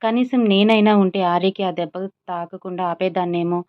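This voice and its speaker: A woman's voice: on the low side, fairly even intonation, moderate pace, natural voice. A woman voicing a desperate young woman who pleads urgently and holds back tears, in a slightly dull lo-fi recording. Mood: pleading.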